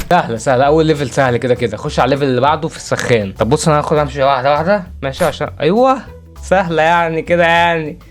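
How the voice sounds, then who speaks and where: A young man with an Egyptian Arabic accent doing excitable let's-play commentary as a gaming video host, repeating phrases and crying out. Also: fairly high pitch.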